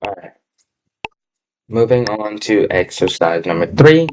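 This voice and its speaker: Low, slow-talking winded man. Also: expressive, slight background noise. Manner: self-critical, sighing between takes. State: winded from playing. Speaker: trumpet player practicing. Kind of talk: casual practice commentary. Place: indoors at a laptop. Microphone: laptop microphone.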